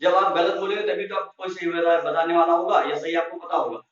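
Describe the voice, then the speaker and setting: A male teacher with an Indian accent urges his viewers to just start speaking. His voice is fairly high. He is heard from far off in a very echoey room. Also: fairly even intonation, fast talker, a bit bright, muffled recording. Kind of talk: encouraging classroom talk.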